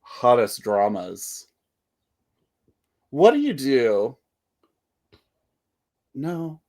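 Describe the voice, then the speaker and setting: A man's voice: mid-range voice, big pitch swings, very slow, darkish tone. A man co-hosting a podcast, chatting casually in a rambling, self-deprecating way and laughing often. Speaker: podcast co-host. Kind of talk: casual chat.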